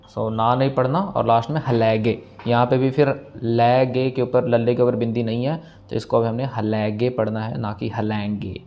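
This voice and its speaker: A man teaching scripture pronunciation, reciting lines slowly and breaking words down syllable by syllable. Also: mid-range voice, flat delivery, dull audio. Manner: slow, careful, repeats lines syllable by syllable. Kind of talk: step-by-step recitation lesson. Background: faint instrumental music.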